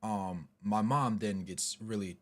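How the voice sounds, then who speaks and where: A man telling a story casually to his vlog audience, chatty and animated with asides. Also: fairly low pitch, takes it slowly. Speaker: vlogger, storyteller.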